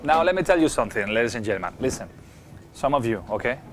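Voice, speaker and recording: A man's voice: mid-range voice, lively intonation, fast, music in the background. A man with an upbeat, jokey cruise director manner, chatting casually as host of a ship's morning show.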